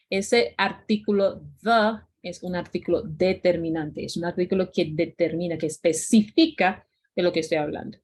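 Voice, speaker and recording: A woman with a Colombian Spanish accent teaching English grammar in an online class, with many fillers, sounding out each English example word by word. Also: medium pitch.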